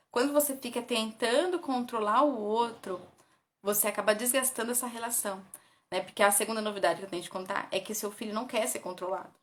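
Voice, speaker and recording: A parenting educator with a Brazilian Portuguese accent offers tips conversationally, often ending sentences with "né?" and reading from notes. Her voice is mid-range with a fairly bright tone.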